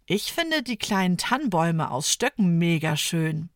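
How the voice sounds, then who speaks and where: Woman voicing a resourceful young girl, lively and confident, storybook. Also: on the low side, moderate pace, no echo. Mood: pleased.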